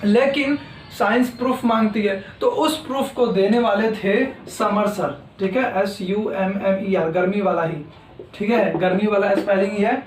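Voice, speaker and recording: Speaking a little slowly over faint background music, a teacher with a voice high for a man delivers an exam-prep lecture in an echoing room, heard from some distance. He talks directly to students and repeats every key term while writing it on the board.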